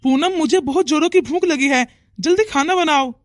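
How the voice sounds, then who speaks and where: A woman's voice: high-pitched, moderate pace, no room sound, studio quality, close to an everyday voice. A woman voicing a stern, demanding young husband in a cartoon who scolds insistently. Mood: scolding. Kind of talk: cartoon voice acting.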